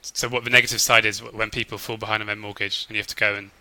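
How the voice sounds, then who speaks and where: A man co-hosting a podcast who chats with the guest and gently teases. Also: on the low side, little pitch movement, very fast, low-quality recording. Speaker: podcast co-host, journalist. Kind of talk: casual interview chat.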